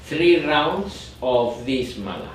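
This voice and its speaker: Man, meditation teacher, slow and halting, echoey room, distant mic. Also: mid-range voice, sing-song, slight background noise. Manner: slow, repetitive, searching for words. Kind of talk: guided meditation instruction.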